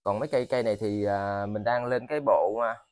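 A man with a southern Vietnamese accent giving a casual, rambling sales vlog, halting and often repeating his words. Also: lowish voice, fairly even intonation, clean tone, dry recording. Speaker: seller of used motors and machine parts. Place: indoors in a cluttered tiled storeroom.

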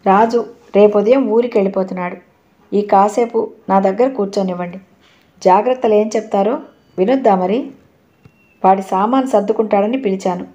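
A woman's voice: medium pitch, moderate pace, long pauses, warm tone, highs cut off, close to an everyday voice. Frail bedridden aunt, as a woman reads her. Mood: gentle. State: weak, short of breath.

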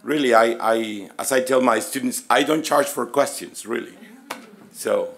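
A middle-aged man with a hoarse, raspy voice that is giving out, presenting informally and haltingly as a professor at a conference-room lectern. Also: medium pitch, a bit bright. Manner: halting, conversational, inviting questions. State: losing his voice, throat-clearing. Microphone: gooseneck lectern microphone.

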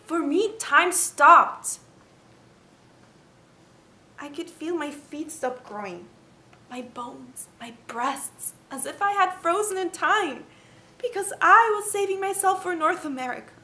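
A woman's voice: very high voice, expressive, slow, sharp tone, exaggerated voice. An actress playing a frustrated, yearning young woman in a dramatic monologue, emotional and holding back tears. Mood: anguished frustration. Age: young adult. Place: living room indoors. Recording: roomy echo, faint background noise.

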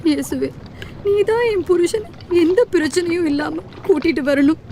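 A woman acting a poor, pleading wife and mother in an emotional radio drama, halting and deferential. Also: extremely high pitch, dark tone, slight background noise. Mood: anxious, pleading. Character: anguished poor fisherman's wife, newly widowed mother.

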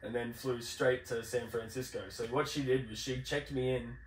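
A man's voice: mid-range voice, fairly even intonation, normal speed. A man with an Australasian accent tells anecdotes in casual, slangy, swear-laden talk. His voice sits back from the microphone in an echoey room, with faint noise behind it. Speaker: podcast host. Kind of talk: casual chat, telling travel anecdotes. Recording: roomy, distant mic, faint background noise.

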